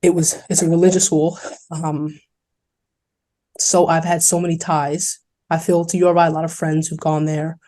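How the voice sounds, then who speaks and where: A young woman from New York City speaks as a podcast guest, earnest and candid as she tells her story. Her voice stays fairly level in pitch, with a mellow, dark tone. She moves quickly from thought to thought, sometimes acting out what others said. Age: young adult. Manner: earnest, fast-flowing, quoting others in lively voices. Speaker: college basketball player, podcast guest.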